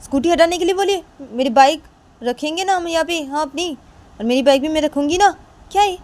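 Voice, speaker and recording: A woman's voice: fairly low pitch, measured pace, darkish tone. A woman voicing a bossy, threatening female college bully who keeps jabbing listeners with demanding questions. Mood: furious, shrill. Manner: bullying, keeps tacking on "हाँ?".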